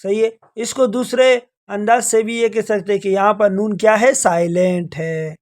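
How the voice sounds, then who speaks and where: Male Quran teacher giving a tajweed lesson: brisk explanations, very slow drawn-out recitation. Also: high-pitched, fairly even intonation, a little mellow. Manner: draws out recited words very slowly between brisk explanations.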